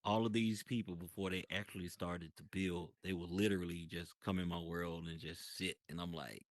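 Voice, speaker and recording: A man's voice: low-pitched, fairly even intonation, normal speed, no echo. A man casually telling a long story in a voice chat, full of restarts and fillers. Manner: rambling, many restarts and fillers. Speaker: guest describing his virtual world.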